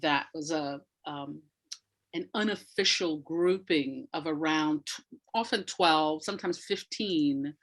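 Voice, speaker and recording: A woman with a low voice speaks slowly as an interview guest, an audio drama maker. Her talk is animated and explanatory, emphatic, with phrases repeated for effect.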